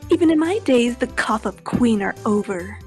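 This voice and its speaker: A woman voicing a sultry, sharp-tongued female lunch seller in a haughty, teasing manner, as an amateur game voice reading. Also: on the high side, animated, moderate pace, soft background music, lightly acted.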